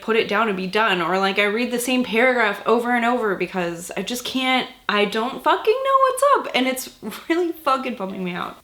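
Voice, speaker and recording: A woman book vlogger, sick and a bit husky, chatting casually through her monthly reading wrap-up with lots of fillers and swearing. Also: medium pitch, a bit bright.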